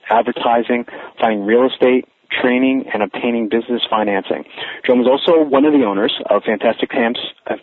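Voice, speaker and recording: A man in his forties hosting a radio interview show, upbeat and energetic, often laughing. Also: medium pitch, no echo. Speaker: radio talk show host. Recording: phone-like, narrow radio line.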